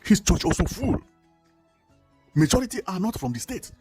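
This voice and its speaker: A man's voice: sits high, sing-song, moderate pace, over music. A man narrating a building tour, exclaiming and repeating himself with enthusiasm. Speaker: vlogger.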